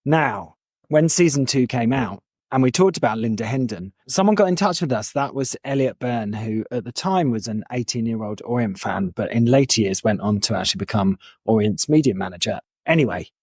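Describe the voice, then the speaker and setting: A man hosts a podcast and narrates a script in a wry, chatty manner. His voice is slightly husky. The sound is dry and close to the mic. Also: mid-range voice, lively intonation, brisk, a little mellow, dry recording. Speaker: podcast co-host.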